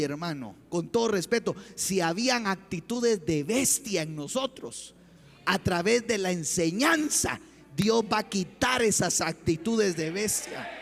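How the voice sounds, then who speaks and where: A man's voice: sits high, creaky, a bit bright, a little hiss or hum. A man preaching a sermon as pastor, impassioned and full of rhetorical questions, in a church. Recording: long church hall reverb.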